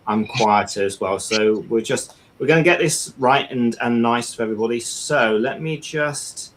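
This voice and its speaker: A man hosting a paranormal livestream in a relaxed, casual way, often restarting his words, talking over a video call. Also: medium pitch, moderate pace, a little hiss or hum, rough recording.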